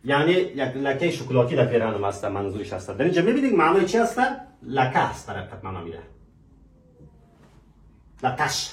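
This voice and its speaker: Man teaching French. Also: mid-range voice. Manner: asks rhetorical questions and answers them himself; slowly spells out French example phrases. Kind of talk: French lesson. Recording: echoey room, mic at a distance.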